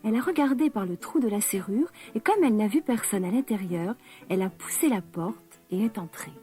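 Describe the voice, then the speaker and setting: A woman narrating a children's fairy tale in a gentle, expressive way. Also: mid-range voice, brisk, faint music behind. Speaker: storyteller.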